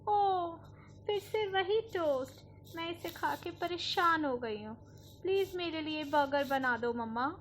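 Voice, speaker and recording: A woman's voice: extremely high pitch, unhurried, slight background noise. A woman voicing a stubborn little girl who refuses everything, in a whiny, pleading child's voice.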